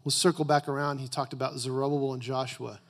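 A man's voice: medium pitch, level tone, fast talker. A man preaching a motivational sermon in an emphatic, exhortative manner, repeating phrases and prompting his listeners to respond. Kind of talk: motivational sermon, teaching and declarations.

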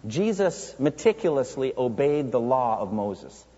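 Husky preacher in a reverberant hall. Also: male voice, mid-range voice, big pitch swings, unhurried, dark tone. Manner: earnest, storytelling with rhetorical questions. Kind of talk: sermon. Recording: dull, reverberant church hall sound.

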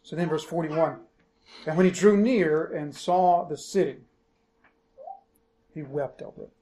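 A middle-aged pastor preaching an expository sermon, rising with emphasis on quoted verses and slowing to stress key words. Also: male voice, fairly high pitch, mellow.

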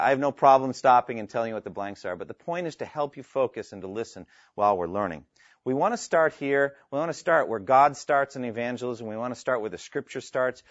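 A man's voice: medium pitch, no echo. Earnest guy lecturing a class, pushes hard on key points, muffled dry recording. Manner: earnest, emphatic, quotes scripture with rising intensity. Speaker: seminary instructor.

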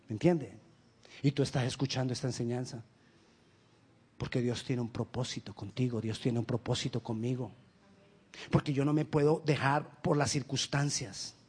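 A man from Colombia preaching a sermon as a pastor, emphatic and direct, with rhetorical questions and lively stories. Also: mid-range voice, husky. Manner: animated storytelling with quick asides.

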